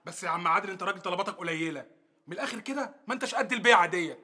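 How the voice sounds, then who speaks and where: An actor playing a boastful, shady antiquities dealer with an Egyptian accent, swaggering and dismissive. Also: male voice, high voice, racing, sharp tone, husky, heavily acted. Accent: Egyptian Arabic. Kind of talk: sitcom acting.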